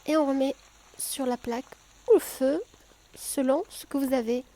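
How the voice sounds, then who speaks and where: A woman with a southern French accent, calmly explaining a cooking tutorial step by step, with frequent hesitations. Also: high voice, normal speed. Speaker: home cook.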